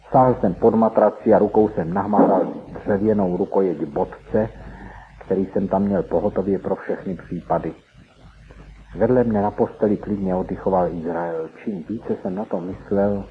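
A man's voice: on the low side, slight background noise. A man reading a first-person story aloud in an earnest, dramatic storytelling manner, heard on a tinny lo-fi recording. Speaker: narrator. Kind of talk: first-person audiobook narration.

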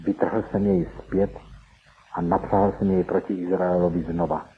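A man's voice: low-pitched, level tone, slight background noise. A man reading a first-person story aloud in an earnest, dramatic storytelling manner, heard on a tinny lo-fi recording. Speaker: narrator. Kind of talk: first-person audiobook narration.

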